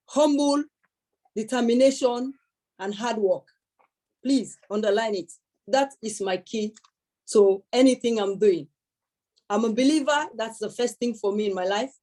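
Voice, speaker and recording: A young woman speaks at a celebration event in a mellow, mid-range voice. Her public speech is earnest and emphatic, repeating key words and thanking many people.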